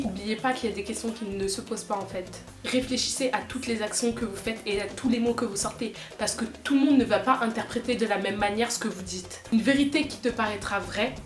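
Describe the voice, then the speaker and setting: A woman vlogger speaking firmly and indignantly, appealing directly to her viewers. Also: fairly high pitch. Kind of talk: earnest direct-to-camera talk. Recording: echoey room with music behind.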